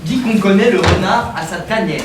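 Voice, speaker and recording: An actor playing an obsequious, flustered bourgeois husband hosting a dinner in a stage comedy, hesitant and repeating himself to please. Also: male voice, high-pitched, moderate pace, natural voice. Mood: eager to please. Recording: echoey, distant, noisy hall recording.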